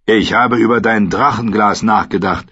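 A man voicing a gruff, stern old commander who barks his orders, in an audiobook reading. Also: lowish voice, fairly even intonation, moderate pace, sharp tone, dull audio, exaggerated voice. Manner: gruff, barking.

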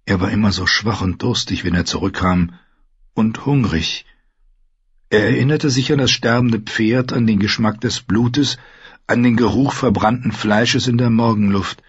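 A man narrating a fantasy audiobook with a husky voice, reading in a measured, grave manner. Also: on the low side, fairly even intonation, dry recording. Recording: dull lo-fi dry recording.

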